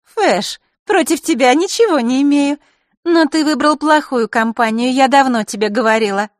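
A woman's voice: high-pitched, moderate pace, dry recording, clean studio sound, voice pushed up, lightly acted. A woman voicing a scheming teenage girl who taunts her rival in a sneering way. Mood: mocking.

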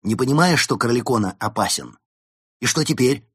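Male narrator doing an anxious storybook cat, lively and dry. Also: mid-range voice, moderate pace, breathy edge, dry recording. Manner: worried, grumbling. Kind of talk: storybook reading.

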